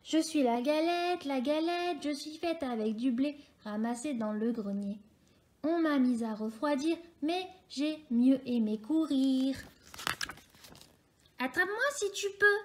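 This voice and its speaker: A woman voicing a proud little runaway pancake who sings a slow, teasing song in a storybook reading. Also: extremely high pitch, pitched above the performer's own voice. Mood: singsong teasing.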